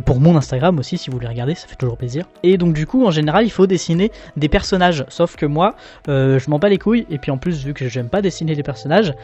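A young man from France flipping through his sketchbook in a relaxed, self-mocking way, with lots of fillers. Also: a little high, lo-fi sound. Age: young adult. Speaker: artist showing his sketchbook. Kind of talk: casual commentary.

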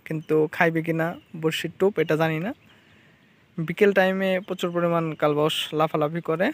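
A man from Bangladesh filming a casual fishing vlog outdoors by a river on a handheld phone, plainly pointing out spots to viewers and repeating himself. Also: high-pitched. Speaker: fishing channel vlogger.

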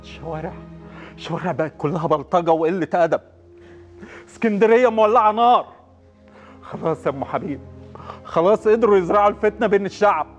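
A man's voice: sits high, animated, fast talker, long pauses, highs cut off, soft background music. An actor playing a middle-aged father with an Egyptian accent, bitter and despairing over losing his job, breaking into choked, breathless outbursts. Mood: angry. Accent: Egyptian Arabic. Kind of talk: Egyptian TV drama acting.

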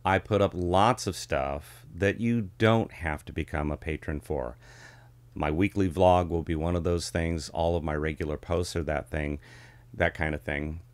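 A middle-aged man chatting casually as a vlog host, with the warm, rich sound of a vintage ribbon mic in a home studio. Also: sits low, no echo. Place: small home studio with curtain backdrop. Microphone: studio ribbon microphone close in front.

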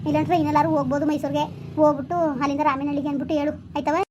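A woman's voice: sits high, little pitch movement, racing, noisy background, lightly acted. A woman playing a middle-aged village housemaid with a drawl, in a family drama skit. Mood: confiding.

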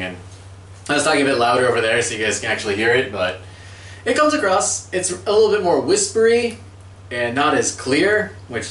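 A middle-aged host of an airsoft gear channel gives a chatty, jokey review to camera from a small furnished room at home. His medium-pitched voice is a bit bright, captured by a camera mic a few steps away with roomy echo and slight background noise.

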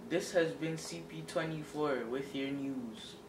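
A man's voice: on the high side, measured pace, over loud music. A teenage boy co-hosting a scripted mock 1930s newsreel, reading from his script. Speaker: news co-host in a student skit. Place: room with a table, indoors. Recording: echoey, noisy room from a distance.

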